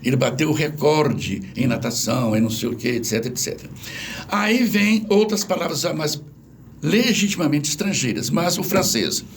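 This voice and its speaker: Brazilian professor guy, teacherly, voice swings up and down a lot, kinda high. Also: slight background noise. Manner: didactic, animated, spells out examples. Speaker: language professor being interviewed. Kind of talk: explanatory interview talk.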